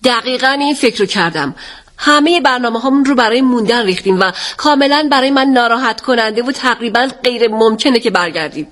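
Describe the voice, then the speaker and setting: A woman's voice: a little high, expressive, a bit bright. Proud, haughty old father for an audiobook, read by a woman. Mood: stubborn. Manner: self-assured, haughty. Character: proud, stubborn elderly English father. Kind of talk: audiobook reading.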